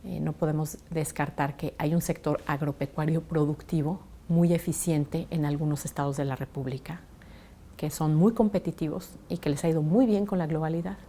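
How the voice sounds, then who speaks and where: Low, mellow-voiced woman, measured. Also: fairly even intonation, a little hiss or hum. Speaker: interviewee. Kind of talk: interview answer.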